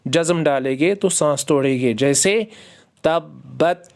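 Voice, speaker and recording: A man teaching Quran reading, spelling each word out slowly letter by letter and stopping to explain the rules, asking questions and answering them himself. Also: a little high, clean tone. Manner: slow drawn-out spelling with quick explanations in between.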